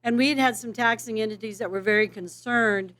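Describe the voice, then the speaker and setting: A woman's voice: a little high, brisk, a bit bright. A woman giving a board meeting presentation, explaining things step by step. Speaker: appraisal district official presenting.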